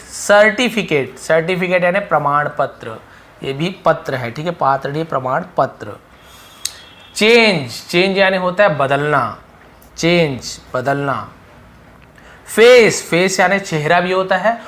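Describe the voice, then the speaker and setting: A man's voice: on the high side, fairly bright tone. A young man teaching a vocabulary lesson, explaining patiently and repeating each word.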